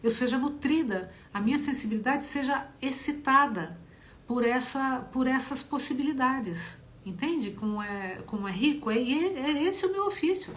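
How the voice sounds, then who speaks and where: A woman's voice: sits high, lively intonation, moderate pace, fairly bright tone. A middle-aged woman, a singing teacher, gives a reflective live-streamed lesson and often checks in with a rhetorical "né?". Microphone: phone.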